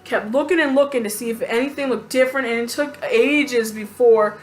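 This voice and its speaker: Woman, casual vlogger. Animated, chatty, exasperated venting; voice on the higher side. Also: a little fast. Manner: animated, chatty, lots of fillers and acted-out quotes. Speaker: vlogger telling a personal story. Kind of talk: casual storytelling to camera.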